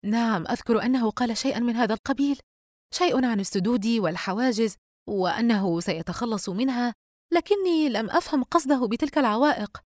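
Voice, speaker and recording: A panicky young woman played by a woman reader, her voice pushed high and tight with fear. Every line comes out strained and urgent, in a close, dry storybook recording. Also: fast, no room sound, close to an everyday voice. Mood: frightened. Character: frightened young woman Yusra, tense and panicky.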